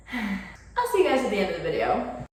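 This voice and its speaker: A woman's voice: mid-range voice, normal speed. Young woman in a big, echoey empty room. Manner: excited, rambling. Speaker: vlogger. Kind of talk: casual chatty vlog intro to camera. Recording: big hall echo, distant mic, faint noise.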